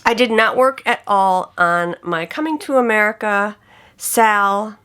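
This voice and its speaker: A woman's voice: mid-range voice, a little slow, fairly bright tone, clean tone. A woman vlogging casually about her cross-stitch projects, gushing with enthusiasm over patterns and colors. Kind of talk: casual show-and-tell chat.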